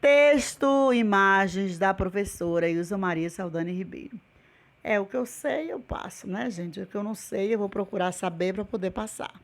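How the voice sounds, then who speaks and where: A woman speaking at a moderate pace in a mid-range voice gives a remote video English lesson with a Brazilian Portuguese accent. She repeats every word patiently and asks her students questions to check them.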